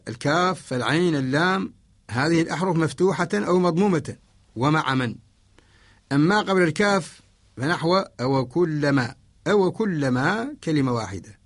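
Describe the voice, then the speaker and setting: Male teacher, dry close sound, methodical radio lesson with slow, drawn-out examples. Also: fairly high pitch, vocal fry, dry recording. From Mauritania. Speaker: Quran orthography teacher. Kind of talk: radio lesson explaining a verse poem. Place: radio studio.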